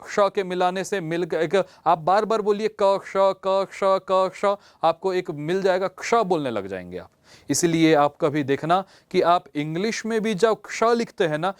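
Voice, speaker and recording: A man with a fairly high voice teaches a lesson patiently, breaking each point into small repeated steps. The sound is dry and close, with no room around it. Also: no room sound. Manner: patient, repeats and spells out step by step. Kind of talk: classroom lesson.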